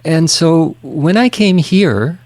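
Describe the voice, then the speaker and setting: A man's voice: fairly high pitch, lively intonation, takes it slowly, a little mellow, dry recording. A man from Tanzania hosting a radio interview, talking in a rambling, chatty way with many restarts. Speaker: radio host. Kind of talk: casual interview chat.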